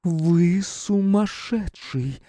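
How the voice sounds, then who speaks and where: A man voicing a vengeful, hysterical noblewoman in an audiobook, with a hoarse, strained falsetto. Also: extremely slow, dark tone, no room sound. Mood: hissing. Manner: shrieking, sobbing, hissing. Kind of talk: audiobook character voice.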